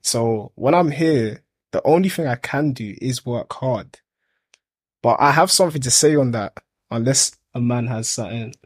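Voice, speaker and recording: A man's voice: medium pitch, normal speed, slightly rough, no echo. A young man with a London roadman accent chats casually and emphatically, using heavy street slang and telling stories to make his points. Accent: London, urban street slang. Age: young adult. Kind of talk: casual motivational chat.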